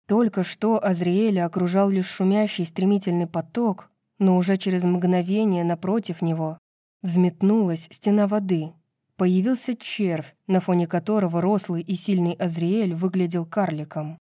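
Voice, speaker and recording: A woman narrating a fantasy novel in an even, measured reading. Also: on the low side, dry recording, studio quality. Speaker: audiobook narrator. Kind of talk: scripted narration.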